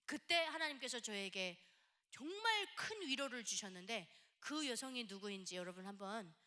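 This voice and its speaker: A woman with a North Korean accent tells her testimony to a church. Her voice is high and bright, and she swings it up and down as she acts out each quote. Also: moderate pace. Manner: animated storytelling, acting out quotes. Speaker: guest speaker giving testimony.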